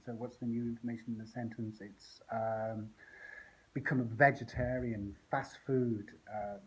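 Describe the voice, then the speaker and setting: A man, an English language teacher, talking through the plan and rationale for a lesson, unscripted and thinking aloud with frequent pauses. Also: medium pitch, dark tone, slight background noise, poor audio.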